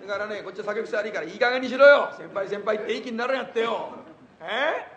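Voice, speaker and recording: An older man telling stage reminiscences in rough, colloquial speech with wry asides. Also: sits high, fast talker, crowd noise, noisy background. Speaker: comic storyteller.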